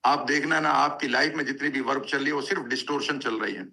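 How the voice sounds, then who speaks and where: A man giving a motivational talk in a chatty storytelling way. His voice is bright and edgy with plenty of gravelly fry. He circles back to his points for emphasis. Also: medium pitch, fast. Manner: conversational, storytelling, repeats for emphasis. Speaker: motivational speaker. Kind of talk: motivational talk, Hindi mixed with English.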